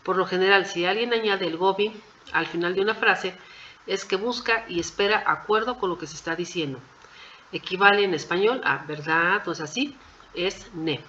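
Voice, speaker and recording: A woman's voice: mid-range voice, normal speed, pushed and bright. A woman walks through exam answers one by one, with the patient, methodical manner of a teacher who keeps checking that her students follow. The recording is a little dull and muffled, with a faint hum underneath. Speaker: Japanese language teacher.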